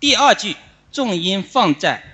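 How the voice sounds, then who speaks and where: A middle-aged man, a Buddhist monk, giving an animated dharma talk that explains how to chant, pausing often on "ah" fillers. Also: sits high, slightly rough.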